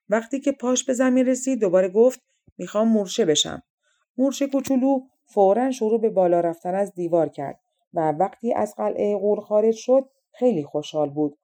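Woman audiobook narrator, calm fairy-tale reading, warm and mellow tone. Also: medium pitch.

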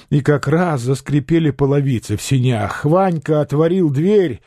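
Brief: male narrator, mellow tone, somewhat high voice, dry studio sound. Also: no room sound. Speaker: audiobook narrator. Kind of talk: audiobook narration of a historical novel.

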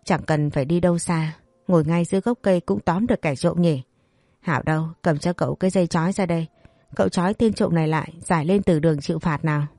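A cold, deadpan young master of a wealthy house, teasing and scolding his wife in a flat, dry way, as a woman reads him. The voice sits low and mellow. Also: fast talker, no echo.

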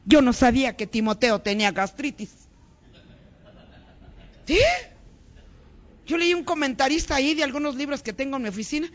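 A woman preaching a fervent sermon, calling out to her congregation and rising to shouts. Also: high-pitched, expressive, moderate pace, long pauses, muffled recording.

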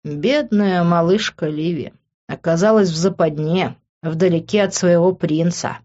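A woman's voice: on the low side, a little slow, darkish tone, lo-fi sound. A woman voicing a rude sneering young man. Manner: curt, sneering, drawn out.

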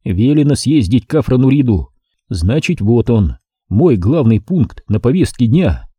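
A man's voice: medium pitch, big pitch swings, a little slow, mellow, breathy edge, no room sound. A man reading a first-person audiobook in an intense, brooding way, recorded close and dry. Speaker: audiobook narrator. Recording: dry close-miked studio sound.

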